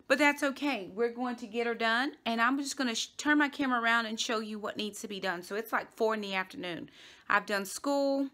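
A woman's voice: a little high, sharp tone. Chatty upbeat woman filming her bedroom. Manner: chatty and upbeat, drawn-out emphasis. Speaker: vlogger. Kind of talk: casual cleaning vlog. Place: bedroom in a home. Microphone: phone camera at arm's length.

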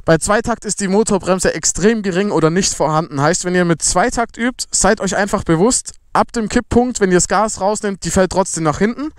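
This high-pitched young motovlogger speaks briskly with few pauses and a clean tone, explaining riding technique as he rides a motorcycle outdoors on a closed road. It's captured on a helmet or body camera, in a dry, studio-quality recording, though faint engine noise from the motorcycle is audible.

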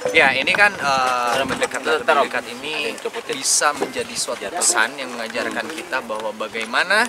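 A man's voice: medium pitch, moderate pace, heavy background noise. A man chatting casually and upbeat outdoors at a video shoot. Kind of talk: casual behind-the-scenes chat. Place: outdoors at a busy location shoot. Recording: loud crowd around.

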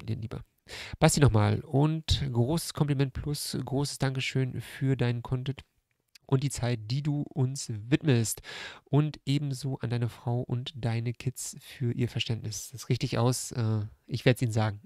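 A man in his thirties hosts a casual livestream in a medium-pitched voice. It sounds squeezed and strangled, kept rather subdued. He speaks close to a desk microphone with very little room sound, reading out comments and replying informally. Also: steady tone, normal speed, creaky, darkish tone, dry recording. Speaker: livestream host. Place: room at home by a large window. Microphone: close desk microphone on a stand.

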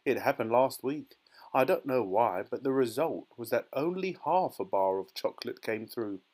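A man playing an eccentric, excitable chocolate maker in a storybook, airy and matter-of-fact about disaster. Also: medium pitch, moderate pace, breathy edge.

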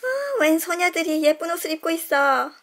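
Bright, sing-song woman unboxing toys. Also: very high-pitched, very animated, brisk. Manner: gushing exclamations, sing-song kid-friendly explaining. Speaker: toy unboxing channel host. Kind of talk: toy unboxing narration for children.

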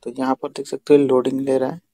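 Narrating a screen recording, a man explains how to do something in a casual, instructional manner, addressing viewers directly and going over points more than once. He speaks quickly in a warm, medium-pitched voice with a completely flat delivery.

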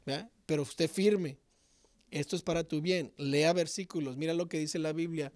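Male pastor, fairly high voice, dry close sound, direct and animated sermon delivery. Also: moderate pace, no echo. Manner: animated, direct, asks the congregation rhetorical questions.

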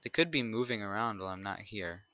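A young man giving let's play commentary on a horror game, excitable, jumping from mutters to shouts and creepy whispers. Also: on the low side, quick pace, muffled recording, noisy background. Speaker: gameplay commentator.

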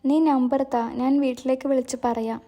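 Anxious, apologetic young man, read by a woman narrator; high, mellow tone. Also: level tone, normal speed, muffled recording. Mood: earnest. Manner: apologetic, earnest pleading. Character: young man, anxious but kind driver.

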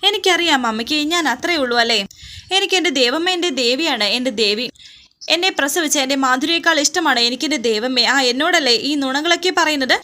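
Brief: hurt, pleading young daughter, read by a woman, high bright voice. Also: fast talker. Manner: pleading, insistent. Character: devoted young adult daughter, hurt and insistent.

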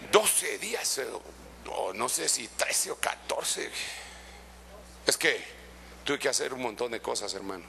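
A middle-aged male pastor with a Guatemalan accent, preaching in an impassioned, conversational way that swings from loud exhortation to hushed asides. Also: mid-range voice, big pitch swings, a little slow, vocal fry, pauses often. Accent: Guatemalan Spanish. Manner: conversational, addressing listeners as brother. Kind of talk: preaching sermon.

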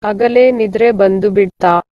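A woman voicing an innocent, kind little girl who asks gentle, wondering questions. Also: mid-range voice, fairly even intonation, measured pace, lightly acted. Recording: dull, muffled dry recording.

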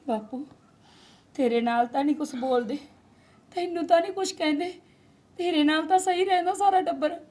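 A woman's voice: high-pitched, moderate pace, long pauses, darkish tone, natural voice. An actress playing a young married daughter who is crying as she speaks with her father. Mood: tearful. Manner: tearful, pleading.

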